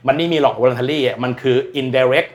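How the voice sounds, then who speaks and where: A man's voice: mid-range voice, steady tone, normal speed. Guy breaking down climate stuff, blunt and slangy, does little voices for quotes. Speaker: guest expert on energy and climate. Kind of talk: casual explanatory talk.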